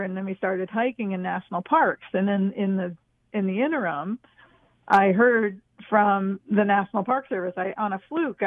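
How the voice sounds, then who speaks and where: A woman in her sixties from northern New York, an author and former park ranger, casually tells personal stories as an interview guest. Her medium-pitched voice comes through a tinny, narrow phone line with a dry sound.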